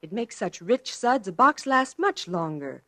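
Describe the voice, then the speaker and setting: An actress playing an upbeat, chatty young housewife in a 1940s radio commercial. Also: female voice, medium pitch, very animated, a little slow, pushed and bright, no room sound, full character voice. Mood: cheerful. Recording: dry old radio broadcast.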